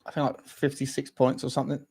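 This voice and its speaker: Mid-pitched man, hesitant delivery. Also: monotone, quick pace, gravelly, darkish tone, breathy edge. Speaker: football fan panellist. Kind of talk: casual chat.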